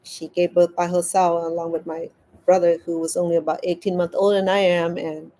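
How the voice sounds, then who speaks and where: Her voice is on the low side, dark in tone and level as she chats through a story while crafting. The woman, a crochet vlogger from Cambodia, talks haltingly and repeats words while looking for them.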